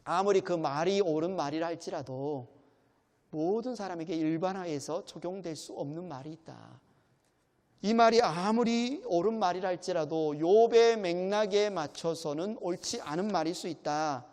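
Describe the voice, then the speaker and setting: A man's voice: sits high, normal speed, a little mellow. A male pastor preaching a sermon in a church, earnest and addressing the congregation directly with questions. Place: church sanctuary. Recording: long church hall reverb.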